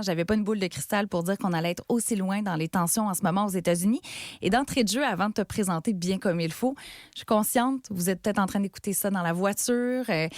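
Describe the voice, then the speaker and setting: A woman's voice: medium pitch, dry recording, clean studio sound. A middle-aged woman with a Québécois accent hosts an interview podcast in a chatty, conversational way with many fillers. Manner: warm, chatty, thinks aloud with fillers. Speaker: podcast host.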